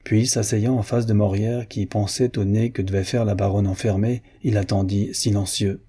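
A man reading a literary novel aloud in a steady, measured narration. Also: fairly low pitch, husky.

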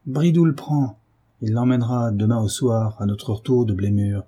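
A hulking drunken husband, all bluster and threats, voiced by a man reading a novel. He barks his lines in a raised, rough voice over the reader's dark, husky timbre. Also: medium pitch, moderate pace, natural voice. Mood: bullying. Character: brutish drunken giant of a husband, furious.

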